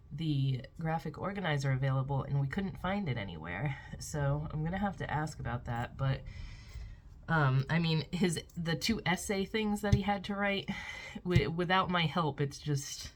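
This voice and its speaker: A woman's voice: low-pitched, expressive, unhurried. A middle-aged woman vlogging casually at home, rambling through her day with filler words, talking into a phone camera. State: out of breath. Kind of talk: casual vlog chat. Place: at home indoors.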